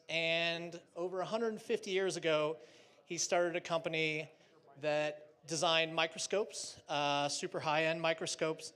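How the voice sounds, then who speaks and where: A man's voice: a little high, a bit bright. A man giving a casual, chatty presentation with slides on stage at a live trade show, joking lightly between fillers.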